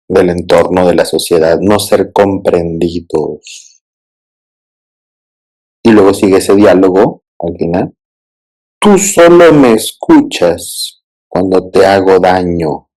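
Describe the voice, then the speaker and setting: A therapist with a low, mellow voice reflects thoughtfully on a film, often checking in with listeners with "¿no?" and "¿sí?". The audio quality is poor.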